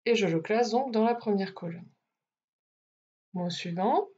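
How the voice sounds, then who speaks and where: Slow, deliberate woman teaching phonics. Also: medium pitch, dark tone, slightly rough, muffled recording. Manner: slow, deliberate, over-articulated sounds. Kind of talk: phonics lesson for young children.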